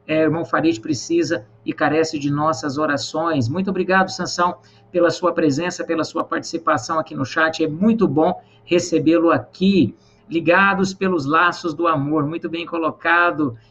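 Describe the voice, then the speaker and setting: A man hosting an online church program, praying and greeting viewers in an earnest, measured way with many pauses. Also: a little high, a bit bright, muffled recording, a little hiss or hum. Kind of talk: prayer and live-stream hosting.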